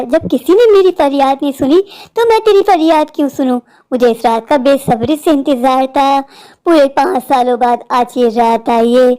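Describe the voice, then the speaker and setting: A woman voicing a vengeful female ghost who speaks in slow, deep, gloating threats in an animated horror story. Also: clean tone, natural voice. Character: vengeful burned girl spirit, female, menacing.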